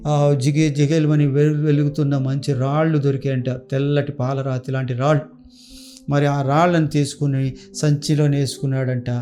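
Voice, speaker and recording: A male pastor preaching earnestly, telling a story and leading a prayer. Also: medium pitch. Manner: earnest, repetitive exhortation, storytelling. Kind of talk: sermon and prayer. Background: soft guitar music.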